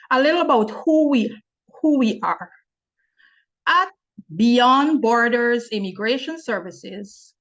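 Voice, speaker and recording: A young woman from Guyana, hosting and moderating a webinar on a video call, speaking in a measured, formal way. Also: a little high, a bit bright. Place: home or office on video call. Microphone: laptop mic on video call. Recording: dull lo-fi video call audio.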